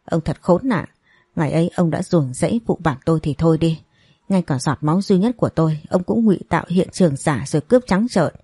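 A woman's voice: deep voice, brisk, dark tone, husky, dry recording, studio quality. A woman voicing an older mother who confronts the man who stole her child, speaking in an accusing, reproachful way. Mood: furious, accusing.

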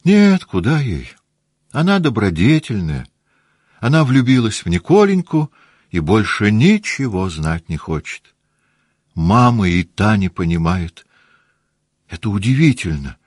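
A man reading an audiobook, voicing a lively, stubborn teenage girl who talks in an excited, teasing, insistent way. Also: fairly low pitch, unhurried, long pauses, breathy edge, no echo, studio quality, voice pushed up, exaggerated voice. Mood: dreamy. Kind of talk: audiobook character voice.

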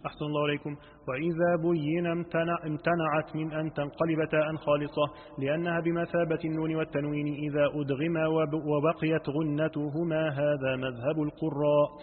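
A man reading a classical recitation text aloud to his teacher, slowly chanting the example words. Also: on the high side, flat delivery, husky. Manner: slow measured reading, drawn-out chanted words. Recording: tinny phone-like line, long reverb.

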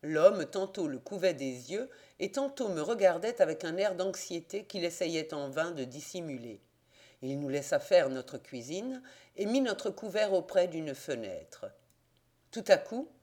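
Man reading a novel aloud. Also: fairly high pitch. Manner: measured, expressive reading. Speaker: audiobook reader. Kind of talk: scripted narration of a novel.

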